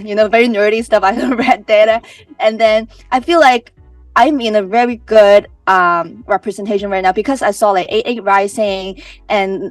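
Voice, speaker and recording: A woman's voice: mid-range voice, no echo. A young woman from Hong Kong speaks English with a Hong Kong accent, Cantonese being her first language. She answers chattily, peppering her sentences with fillers and restarts. Her voice sounds slightly distant and dry, with faint music underneath. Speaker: singer-songwriter guest. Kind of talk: casual interview answers.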